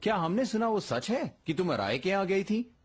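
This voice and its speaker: A man voicing a cheerful young male exchange student in an anime film dub, with a breathy, husky voice and playful, swooping delivery. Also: high-pitched, sing-song, normal speed, full character voice. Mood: breezy.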